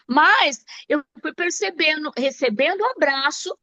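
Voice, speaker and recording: High-voiced woman reflecting thoughtfully. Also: expressive, bright, forceful tone. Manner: thoughtful, measured, hesitant restarts. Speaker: Bible study participant. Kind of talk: reflective group discussion.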